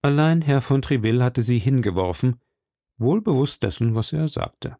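Male narrator, gravelly voice, steady storytelling, dry close sound. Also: medium pitch, normal speed, no room sound. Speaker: audiobook narrator. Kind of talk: scripted narration.

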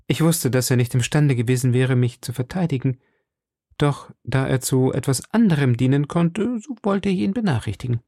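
A man's voice: medium pitch, expressive, moderate pace, dark tone, no room sound, studio quality. A man voicing a frightened young woman in hiding, pleading urgently with her rescuer in a raised voice. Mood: hesitant. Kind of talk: audiobook character voice.

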